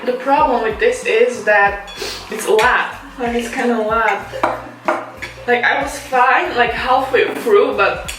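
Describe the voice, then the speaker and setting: A woman chatting casually and haltingly through a spicy food challenge, teary and struggling with a burning mouth and throat. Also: on the high side. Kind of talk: casual chat during a spicy noodle challenge. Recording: echoey room, distant mic, music behind.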